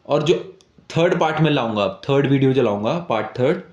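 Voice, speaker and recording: A man's voice: mid-range voice, lively intonation, a little fast, darkish tone, highs cut off. Young male chemistry teacher, echoey room. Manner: asks questions and answers them himself, repeats "ठीक है". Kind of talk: classroom lesson explanation.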